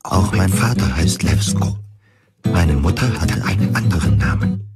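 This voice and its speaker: A low-voiced man narrates a scripted, first-person dystopian sci-fi audio drama, animated yet measured in pace. Plucked guitar music plays behind him.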